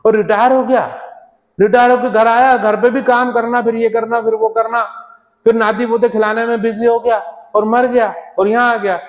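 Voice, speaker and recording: A naive retired man in his seventies, as a speaker acts him out, who rambles through plaintive excuses before God. His voice is raised and high, and it echoes in a hall with a long reverb. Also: level tone, moderate pace. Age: 70s.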